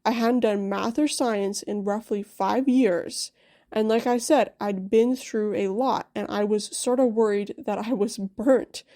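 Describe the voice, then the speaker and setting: A warm, mid-range voice, a little slow and fairly even in intonation, belongs to a young dental hygienist vlogger from Quebec, Canada. English is her first language, and she tells her personal story to camera candidly and chattily, frequently adding "you know?"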